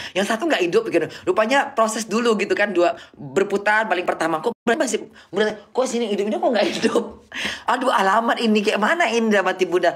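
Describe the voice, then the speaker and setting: A middle-aged woman from Indonesia telling a travel story on a live stream, exclaiming often and acting out sounds and quoted exchanges. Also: mid-range voice.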